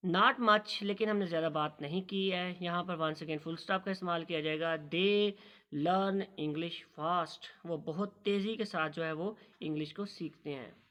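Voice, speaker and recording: A man giving a recorded lesson on punctuation, reading English lines slowly and explaining them patiently. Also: high voice, sharp tone. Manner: slow, careful reading of English lines, then explaining in Urdu; addresses students as "beta". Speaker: teacher.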